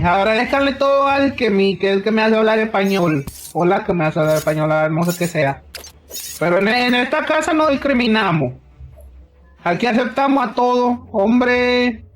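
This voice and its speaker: A man streaming a game and chatting playfully, laying on a thick, exaggerated Dominican accent. His voice sits high for a man and he talks at an unhurried pace. He stretches words out for comic effect, with faint music under him. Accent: exaggerated Dominican Spanish. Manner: playful, switches between English and Spanish. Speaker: gaming streamer. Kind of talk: casual live-stream chat.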